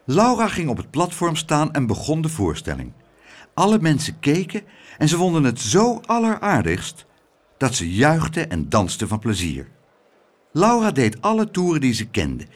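Expressive male storybook narrator. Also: a little high. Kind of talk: audiobook reading of a children's story.

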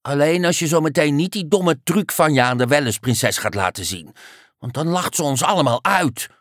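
A woman's voice: sits low, expressive, normal speed, no room sound, studio quality, voice pushed up. A woman doing a grumbling grumpy rhino. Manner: grumbling, blunt. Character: grumpy irritable male rhinoceros. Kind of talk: storybook character voice.

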